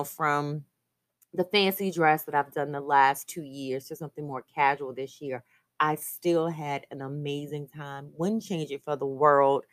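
A woman's voice: deep voice, no echo. A woman hosting her own podcast, talking in an upbeat, chatty way. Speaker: podcast host. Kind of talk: casual solo podcast chat.

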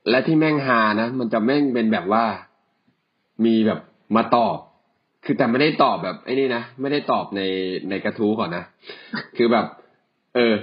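A man's voice: mid-range voice, lively intonation, normal speed. A man co-hosting a podcast, chatting casually with crude slang and frequent laughs. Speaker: podcast co-host. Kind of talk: casual chat. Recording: dull lo-fi sound.

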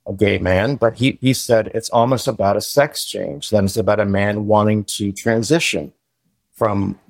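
Lower-voiced man sharing movie trivia. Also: steady tone, normal speed, gravelly, no room sound. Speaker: podcast guest. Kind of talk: casual podcast chat.

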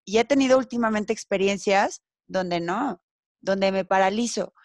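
A woman's voice: medium pitch, normal speed, no room sound. A woman asking questions in a casual conversation, bringing in her own experience. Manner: questioning, personal.

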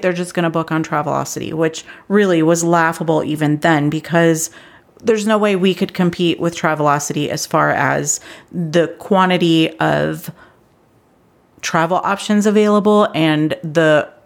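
A middle-aged woman hosting a solo podcast for travel agents, talking earnestly and with growing intensity before reining herself in. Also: fairly low pitch. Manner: earnest and animated, gets intense then reins herself in. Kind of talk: casual solo podcast talk.

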